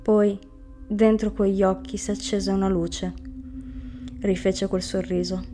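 A woman narrates a grim first-person story. Her pitch barely moves, which gives the reading a flat, heavy feel. Music plays clearly beneath her voice. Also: unhurried. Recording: music bed under the reading. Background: music underneath.

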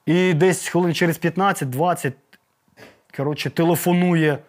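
A man's voice: fairly high pitch, fairly even intonation, moderate pace. A man telling a story to a podcast host in a casual, slangy way, acting out sounds and swearing now and then. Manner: vivid, slangy retelling with sound effects and swearing. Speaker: podcast guest.

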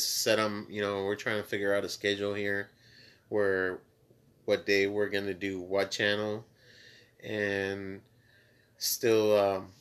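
Smooth-voiced and laid back, a podcast co-host whose first language is Spanish chats casually in a Mexican accent. He's high, meandering along with many filler words.

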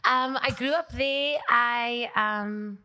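A woman from Cape Town with a local accent, a podcast guest chatting casually, reflective and quick to laugh. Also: a little high, pushed and bright. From South Africa. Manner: reflective, laughs often, searching for words. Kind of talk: casual chat.

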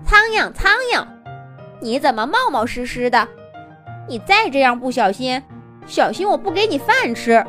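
A woman's voice: high voice, expressive, measured pace, long pauses, pushed and bright, faint music behind, heavily acted. A woman voicing a small, cheeky cricket who scolds and scoffs in a children's story. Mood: scolding. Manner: scolding, cocky.

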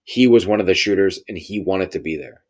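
A man's voice: deep voice, brisk. A man arguing a theory in a casual, conversational debate, emphatic and repeating phrases to drive points home. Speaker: podcast debater.

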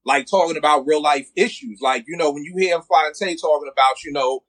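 In a relaxed music podcast, a Philadelphia co-host in his forties swears freely and makes his points bluntly and emphatically. He speaks briskly in a slightly high, fairly bright voice.

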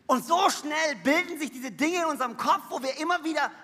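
A man preaching a sermon on stage, energetic and emphatic, with rhetorical questions and a husky edge. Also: very high-pitched, a little fast. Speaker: pastor. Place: large church hall on stage. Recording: reverberant hall.

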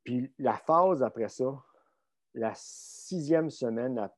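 A man with a Québécois French accent telling a story casually as a guest, animated and full of filler words. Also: mid-range voice, slow, no room sound. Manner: animated, fills talk with "là" and mild swearing.

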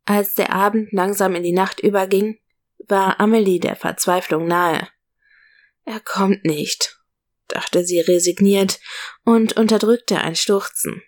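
A woman reading a story aloud as narrator, in a calm, measured way. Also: mid-range voice.

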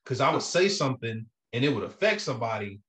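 A man's voice: mid-range voice, very animated, fairly bright tone. Earnest man talking in an echoey room. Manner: earnest, halting, slangy. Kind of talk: casual reflective conversation. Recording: roomy, echoing sound.

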